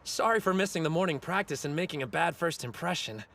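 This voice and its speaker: A man's voice: fairly high pitch, animated, fast, fairly bright tone. A man voicing a short, fiercely determined teenage sumo wrestler in an anime dub, blunt and confident. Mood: steady.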